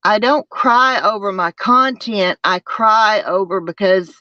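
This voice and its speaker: Slow, twangy Southern US livestreamer, unclear recording. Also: mid-range voice, bright, forceful tone, no echo. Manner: halting, repeats phrases. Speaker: livestream host. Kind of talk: casual livestream chat. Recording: dull lo-fi sound.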